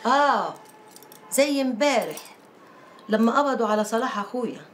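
A woman's voice: on the high side, expressive, moderate pace, slight background noise, lightly acted. An actress playing a worried, indignant Egyptian mother in a film drama. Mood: fretful. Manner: fretful, indignant.

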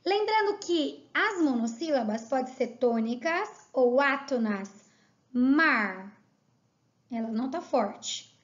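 A woman with a Brazilian Portuguese accent, teaching a recorded lesson and reading words out slowly and clearly. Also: sits high, expressive, dull audio. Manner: slow, clearly spelled-out dictation of words.

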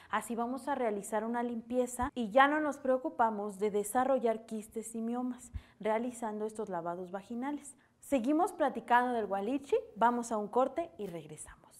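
A woman with a Mexican accent giving a steady, explanatory health talk on the radio as an herbal advisor. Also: fairly high pitch.

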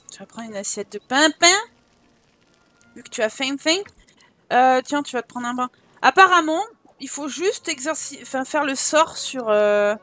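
A woman gives casual commentary on a medieval life-sim game, chatty and joking as she thinks aloud. Her voice sits high and light. She talks to her sims and her viewers in a relaxed, off-the-cuff way. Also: dry recording. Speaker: gaming channel host.

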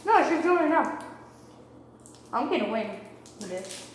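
A woman's voice: high voice, sing-song, normal speed. A young woman filming a messy food challenge video at home, playful and bossy, laughing often. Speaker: vlogger. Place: indoors at home. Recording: echoey room from a distance, noisy.

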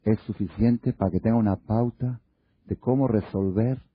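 A man's voice: fairly low pitch, fairly even intonation, normal speed, slight background noise. A man giving a Torah lecture to an audience, asking many rhetorical questions and acting out little dialogues to make his points. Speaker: religious lecturer. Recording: dull lo-fi recording.

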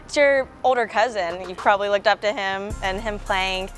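A woman's voice: mid-range voice, normal speed, soft background music. A woman sports reporter narrating a feature and asking friendly, upbeat questions. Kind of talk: interview and scripted narration.

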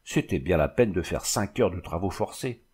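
A man's voice: sits low, lively intonation, normal speed, a little mellow, breathy edge. A man voicing an irritable middle-aged neurologist who speaks in curt, sardonic grumbles. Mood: angry.

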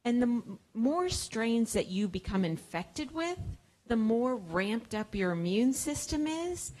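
A middle-aged woman, a public health expert, answers audience questions at a science cafe, explaining plainly with thoughtful fillers into a handheld mic in a large museum hall. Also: mid-range voice. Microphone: handheld microphone.

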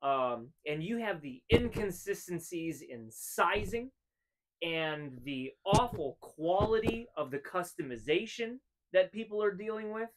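A man in his thirties, his voice sitting slightly high, co-hosts a relaxed chat from a room full of hanging jerseys. He argues his points emphatically and leans on repetition to drive them home. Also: measured pace. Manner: opinionated, emphatic, repeats phrases for effect. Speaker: co-host. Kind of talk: casual podcast chat.

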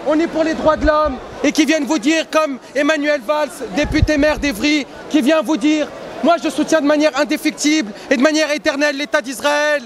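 Shouting man in a busy hall. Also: very high voice, fairly quick. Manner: shouting, insistent. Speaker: activist haranguing passers-by. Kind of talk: street campaigning speech. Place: busy indoor exhibition hall. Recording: crowd and noise behind.

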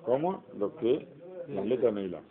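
A man's voice: on the low side, lively intonation, normal speed. A man teaching an informal Torah class, explaining step by step and asking the class questions. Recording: tinny phone-like recording.

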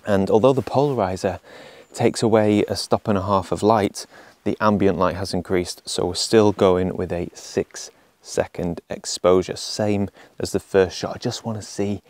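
A man in his thirties, a landscape photographer, talking a shoot through on location. His voice sits low and sounds dry and close despite the open woods, with a calm, explanatory manner. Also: no echo. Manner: calm, explanatory, counts a long exposure in a whisper. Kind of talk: on-location vlog narration. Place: outdoors in an autumn beech forest.

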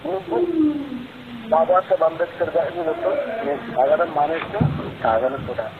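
Agitated high-voiced man on noisy phone line. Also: a little fast. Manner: confrontational, threatening, repeats demands and questions. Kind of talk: heated personal phone argument. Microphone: telephone line. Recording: leaked phone call, tinny, very noisy.

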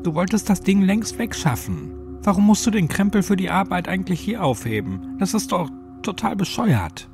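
A teasing, spirited young woman from a spoken horror story, her voice lifted well above a man's natural register, as a male narrator voices her. She answers in bright, exasperated bursts, with a storybook tone throughout. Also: on the high side, very animated, moderate pace, few pauses, over music, pitched above the performer's own voice.

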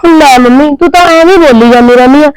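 A woman's voice: high voice, quick pace, a little mellow, no echo, natural voice, poor audio. A woman playing a sulky young daughter-in-law who pleads and complains in a family skit. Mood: pleading. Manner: whiny, pleading. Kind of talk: scripted domestic skit acting.

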